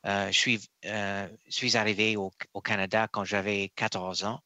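Man from England, court nominee, halting answers, frequent restarts, dry close sound, video call. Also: on the low side, little pitch movement, pushed and bright, no room sound. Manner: halting, searching for words, many restarts. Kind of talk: answering at a formal hearing.

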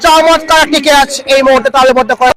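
A Bangladeshi man calls live cricket in a frantic, excited rush, his voice pitched extremely high. A clearly audible crowd sits behind him at the ground as he delivers the play-by-play. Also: fast, rough recording. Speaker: cricket commentator and match announcer. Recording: loud crowd noise behind. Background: crowd at an outdoor cricket ground.

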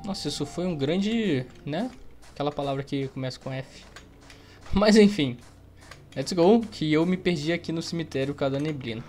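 A young Brazilian gaming streamer rambles through slangy, joking gameplay commentary into a close desk mic. His voice is on the high side, expressive and a little mellow at normal speed, with faint music, game ambience, and keyboard typing making it noisy.

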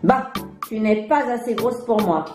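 A woman's voice: on the high side, lively intonation, unhurried. A woman voicing a grumpy, quarrelsome little female ladybug in a storybook reading, rude and boastful. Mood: grumpy, defiant. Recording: roomy with background music.

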